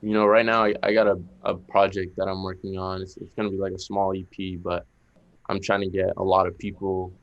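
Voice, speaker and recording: Very low, flat-voiced young Boston rapper. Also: male voice, fairly quick, muffled recording. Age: young adult. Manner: laid-back, rambling with many fillers. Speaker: guest rapper. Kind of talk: casual interview chat.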